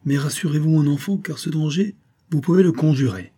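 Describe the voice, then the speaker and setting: A man reading an audiobook, voicing a smooth-talking older viscount with falsely affectionate manners. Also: a little high, a little fast, mellow, pitched above the performer's own voice. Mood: honeyed.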